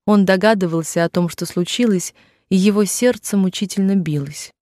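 A man narrating a novel aloud in a measured, even storytelling voice, in a dry room. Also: sits high, dry recording. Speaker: audiobook narrator. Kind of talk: scripted literary narration.

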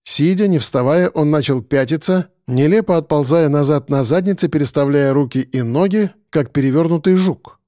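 A male audiobook narrator with a dark, mellow tone, pitched slightly above the average man. His reading is measured and steady, and the sound is dry and close with no room in it. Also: dry recording.

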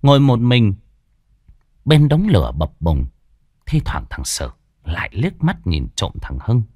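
A man narrating a horror story in a dramatic, expressive storytelling manner. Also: medium pitch, a little slow, dry recording, clean studio sound.

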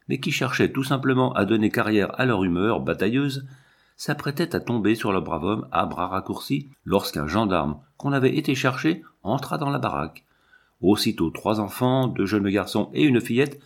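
Expressive male children's story narrator. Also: fairly low pitch. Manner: expressive, lively reading.

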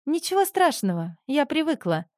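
A woman voicing a timid, resigned young woman who sighs softly. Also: on the high side, sing-song, moderate pace, no echo, studio quality, pitched above the performer's own voice.

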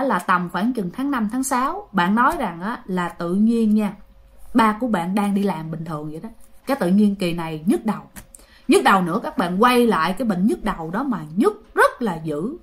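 A woman with a Southern Vietnamese accent tells a ghost story chattily, speaking directly to her listeners. Her voice is medium-pitched and a little bright.

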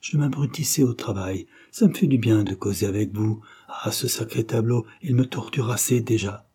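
A man voicing an eager, excitable young male painter who talks effusively in an audiobook. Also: fairly low pitch, moderate pace, husky. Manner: effusive, exclamatory. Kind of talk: audiobook character reading.

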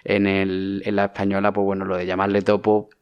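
A Spanish man with a fairly low, smooth and resonant voice, talking through a film in a relaxed podcast chat. He explains patiently, often restarting his sentences as he searches for words. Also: brisk, muffled recording. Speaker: podcast co-host.

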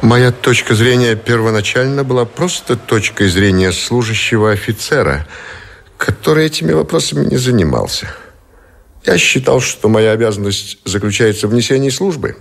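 An actor playing a reserved, dignified naval admiral in a radio drama, speaking in a measured, formal, deliberate way. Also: male voice, medium pitch, big pitch swings, gravelly. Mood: formal, composed. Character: Admiral Kolchak, reserved, dignified naval officer under interrogation. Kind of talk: Russian radio drama acting.

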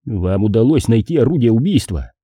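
A man's voice: medium pitch, big pitch swings, fairly quick, husky, no echo, lo-fi sound. A man voicing a sardonic, hard-drinking male private detective with a dry, mocking manner, in an audiobook reading. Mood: gruff, sardonic.

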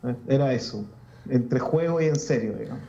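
A Chilean man, a Lutheran pastor, talking reflectively in a casual interview with many restarts and pauses. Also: medium pitch, warm tone, echoey room, dull audio.

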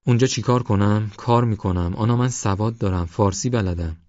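Fierce young orphan woman voiced by a male reader, raised low voice, dry and slightly muffled. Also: darkish tone, no echo, close to an everyday voice. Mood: defiant. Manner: fierce, pleading.

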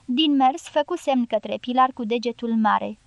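Audiobook narrator, woman, high voice, dry close sound, even measured delivery. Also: creaky, dry recording, lo-fi sound.

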